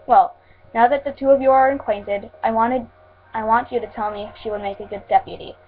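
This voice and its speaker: Girl reading as a bossy mom figure, brisk and commanding, tinny phone-ish sound. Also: a little high, fairly even intonation, close to an everyday voice.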